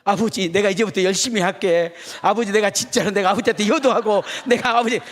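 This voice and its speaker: A grown son fawns and pleads, promising to be a devoted child. A male preacher acts it out in a high, animated voice. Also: fast talker, lightly acted. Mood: pleading. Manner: pleading, ingratiating. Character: grown son sweet-talking a father figure.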